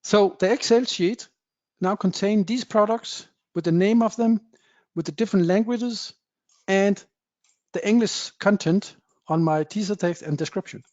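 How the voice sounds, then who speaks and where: Unhurried and high-pitched, this software presenter talks through a demo plainly, filling gaps with "uh" and using non-native phrasing. The recording is dry, dull webinar audio.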